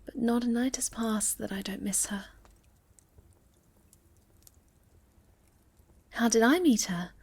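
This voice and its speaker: Speaking at a moderate pace, a woman plays a sweet young moth girl for ASMR, her fairly high voice soft and intimate as she tells her story. She sounds shy, hesitant and wistful, and her gentle words often fade into a breathy near-whisper.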